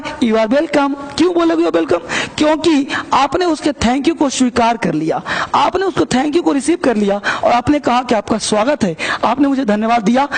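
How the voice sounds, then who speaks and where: A man's voice: extremely high pitch, gravelly. A man teaching spoken English phrases in a lesson, explaining patiently and repeating key phrases for practice. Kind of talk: Hindi-language English lesson.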